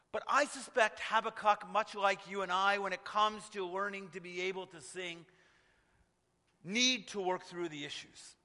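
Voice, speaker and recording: A man's voice: high voice, sharp tone. A man preaching a sermon in an earnest manner, often asking the listeners rhetorical tag questions. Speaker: pastor. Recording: long hall reverb.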